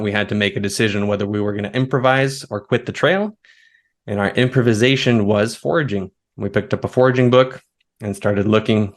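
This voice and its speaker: A man in his thirties speaks as a podcast guest with a lowish voice. He tells his stories in a relaxed, rambling way. His delivery stays easygoing throughout. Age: 30s. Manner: relaxed, storytelling, now and then laughing. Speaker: guest, foraging expert. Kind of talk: conversational interview.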